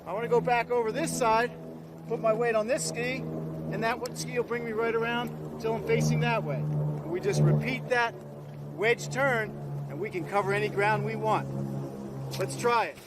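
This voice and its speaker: A man's voice: high voice, lively intonation, moderate pace, heavy background noise. A man working as a ski instructor, coaching informally and encouragingly in short instructions out on a slope. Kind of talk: ski lesson demonstrated on the slope.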